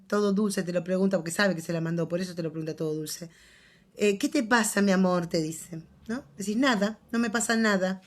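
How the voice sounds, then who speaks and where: A woman with an Argentine accent giving an online psychology class, chatty and joking, often checking in with her students. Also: medium pitch. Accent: Argentine Spanish. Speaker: psychology teacher. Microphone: video call microphone.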